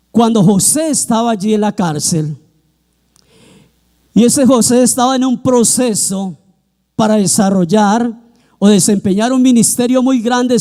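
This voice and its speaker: A man's voice: high voice, mellow. A man preaching a sermon, acting out quoted voices as he talks. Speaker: pastor.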